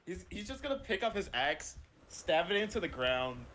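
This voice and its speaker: A man's voice: high-pitched, big pitch swings, moderate pace, a bit bright, slight background noise. A man playing a tabletop game, casually narrating what his character does. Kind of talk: casual chat narrating own character's actions.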